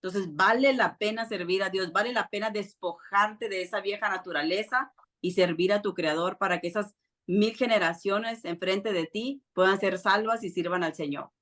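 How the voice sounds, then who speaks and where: Woman church teacher, mother, earnest testimony style, mid pitch. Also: moderate pace, fairly bright tone. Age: adult with children. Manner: earnest, personal testimony with frequent fillers and restarts. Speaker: preacher.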